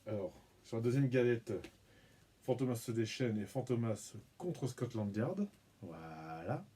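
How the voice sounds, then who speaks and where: A man hosting his own channel, talking through an unboxing in a relaxed, rambling, self-mocking way, humming and muttering as he handles things. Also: mid-range voice, slight background noise. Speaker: video channel host. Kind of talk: casual unboxing commentary.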